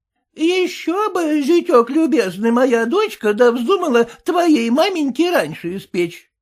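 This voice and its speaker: A huffy, quarrelsome old mother-in-law, voiced by a male reader of a comic storybook. She sits high above his usual voice, pushing every complaint forward with lively, indignant swings. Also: a little slow, exaggerated voice.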